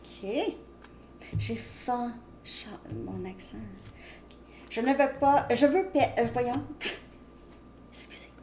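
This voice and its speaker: A woman's voice: on the high side, lively intonation, slow, long pauses, mellow. A woman giving a casual tarot card reading, chatty and thinking aloud with lots of fillers. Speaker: tarot reader. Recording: echoey room, faint background noise.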